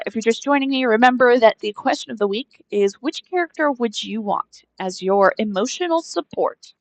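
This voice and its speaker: A woman's voice: mid-range voice, vocal fry, no room sound. A woman hosting a casual gaming live stream, hesitant and rambling, often trailing off mid-thought. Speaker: game streamer, host.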